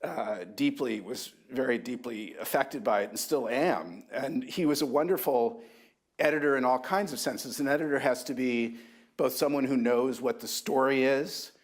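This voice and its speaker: A man in his sixties, an author at a university book talk, reminiscing thoughtfully with halting restarts. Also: medium pitch. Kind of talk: reflective anecdotal talk.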